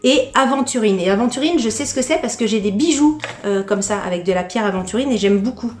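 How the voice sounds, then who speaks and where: A woman's voice: fairly high pitch, fast talker, echoey room. A woman vlogger chatting through an unboxing, candid and gushing, often stumbling over repeated words. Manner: gushing excitement. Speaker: lifestyle vlogger. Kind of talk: casual unboxing chat.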